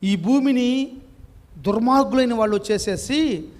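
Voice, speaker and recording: A man's voice: very high voice, expressive, unhurried, darkish tone. A male preacher, telling a parable in a sermon and putting questions to the congregation.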